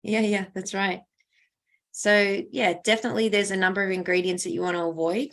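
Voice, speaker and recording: Woman, skincare presenter, steady, explanatory. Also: mid-range voice, a little fast. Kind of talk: informative presentation.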